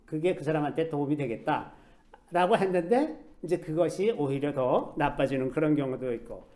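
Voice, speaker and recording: A middle-aged man preaching a sermon as a pastor, telling stories in a conversational way and softly acting out quoted speech. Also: a little high, animated, moderate pace.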